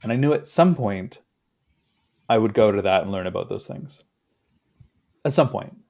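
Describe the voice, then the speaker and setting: A man in his thirties, a guest in a casual conversation, talking in a reflective, unhurried way with fillers. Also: on the low side, lively intonation, vocal fry, a little mellow.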